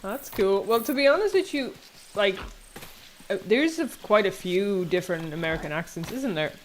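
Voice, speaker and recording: A young woman with an Irish accent chatting casually while playing a game, chatty and prone to excited squeals. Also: mid-range voice, moderate pace, slight background noise. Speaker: game streamer. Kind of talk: casual gameplay commentary. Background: game music.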